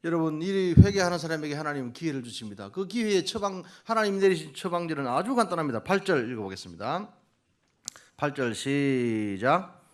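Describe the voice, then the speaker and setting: Lively higher-voiced man preaching a sermon. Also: fast talker, hardly any pauses. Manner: quizzes the congregation and coaxes answers; lively, builds to loud emphatic peaks. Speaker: missionary preacher. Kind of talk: Sunday morning sermon.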